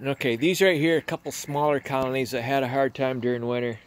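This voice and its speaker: This beekeeper talks fast in a medium-pitched, steady voice, and the recording is clean. He shows off his hives in a garage on a handheld phone, chatting plainly and explaining what he's doing as he goes.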